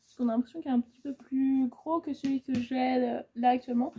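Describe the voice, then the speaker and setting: A woman's voice: sits high, steady tone, brisk, creaky, dark tone, slightly rough, highs cut off. A woman in her twenties chatting casually about her reading pile, rambling with lots of fillers. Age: 20s. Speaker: booktuber. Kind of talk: casual book haul chat.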